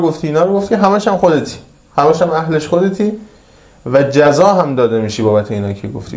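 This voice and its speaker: A male preacher giving a sermon who recites Arabic slowly and then explains it in plain, colloquial talk, using repetitive, emphatic phrasing. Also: a little high, a little mellow. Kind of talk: religious sermon.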